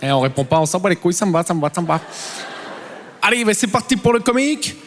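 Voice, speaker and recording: A man's voice: high voice, big pitch swings, quick pace, fairly bright tone, in a large hall, a little hiss or hum. A man doing stand-up in a cocky, casual way, talking straight to the crowd. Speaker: stand-up comedian. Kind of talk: stand-up set. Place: large theater stage.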